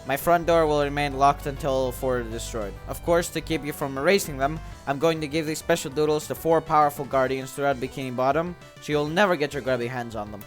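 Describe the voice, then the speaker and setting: A man's voice: on the high side, a little fast, few pauses, soft background music, natural voice. Man doing a theatrical, menacing little cartoon villain. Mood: smug, menacing. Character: tiny gloating male cartoon villain, grandiose scheming mastermind. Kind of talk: acted reading of cartoon game dialogue.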